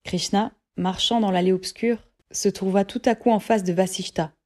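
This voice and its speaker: A woman narrating a literary audiobook in a measured, even reading voice. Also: mid-range voice.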